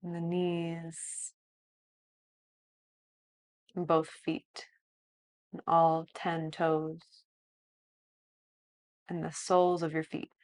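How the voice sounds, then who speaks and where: A woman yoga teacher leading a guided yoga nidra relaxation like a sleep story narrator, soothing and hushed, with long pauses. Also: low voice, completely flat delivery.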